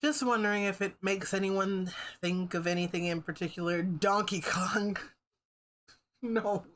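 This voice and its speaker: A woman's voice: mid-range voice, fairly even intonation, a little slow, fairly bright tone, slight background noise. A woman livestreamer chatting casually with her viewers, swearing freely and laughing often. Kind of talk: casual stream chat.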